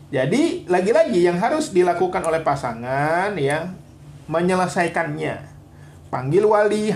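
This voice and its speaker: A psychologist co-hosting a live Q&A about marriage problems speaks earnestly and with animation, acting out the words of quoted wives and husbands. His voice is on the high side with vocal fry, and slight background noise is present.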